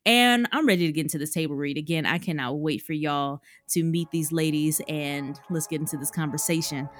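A woman's voice: sits low, fairly quick, a little hiss or hum. A woman hosting a podcast, chatting casually and upbeat, often addressing listeners as y'all. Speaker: podcast host.

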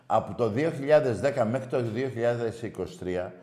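A man hosting a call-in sports radio show, loud and mocking as he argues with callers. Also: mid-range voice, lively intonation, echoey room. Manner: loud, shouting and mocking rival fans. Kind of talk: heated call-in sports banter.

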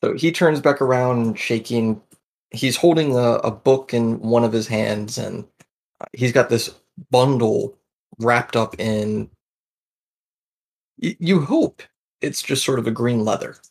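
Gravelly-voiced man running a tabletop game. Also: medium pitch, slow pace. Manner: relaxed, hesitant narration with fillers. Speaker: game master.

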